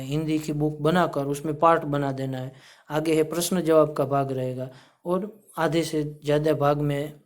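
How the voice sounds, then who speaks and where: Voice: mid-range voice, a little mellow. A teacher explaining a school grammar lesson, asking the class questions, answering them, and repeating each example word. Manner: repeats example words slowly, syllable by syllable; checks in with frequent "theek hai".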